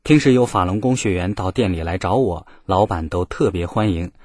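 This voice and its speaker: A man reads a first-person letter aloud, plain and measured. His voice is low and husky, and the recording is dry and close. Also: darkish tone, no room sound. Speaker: reader of a submitted letter. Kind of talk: scripted first-person narration.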